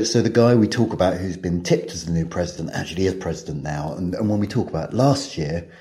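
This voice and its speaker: A deep-voiced man hosts a relaxed interview podcast. He talks in a loose, chatty way, often stumbling and repeating a word before pressing on. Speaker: podcast host. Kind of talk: casual conversational interview.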